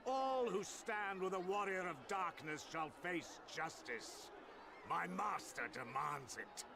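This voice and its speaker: An actor playing a cold, imperious villain general in a video game, speaking in a slow, theatrical, menacing and contemptuous manner. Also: male voice, high-pitched, vocal fry, a crowd in the background, background noise, full character voice. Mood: commanding menace. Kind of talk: video game cutscene acting.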